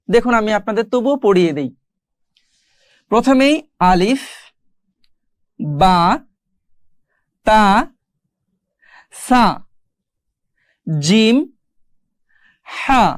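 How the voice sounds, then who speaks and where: A man's voice: sits high, dry recording, studio quality. A man teaching Quran reading to beginners, patient and step by step, often pointing the listener back to the page. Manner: patient, explains step by step and keeps saying "look". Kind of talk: recorded beginner lesson.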